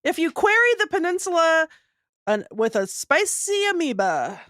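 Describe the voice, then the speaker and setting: A woman's voice: extremely high pitch, sing-song, moderate pace, fairly bright tone, no room sound, studio quality. A woman co-hosting a casual podcast livestream, reading out items in a matter-of-fact way. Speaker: podcast co-host.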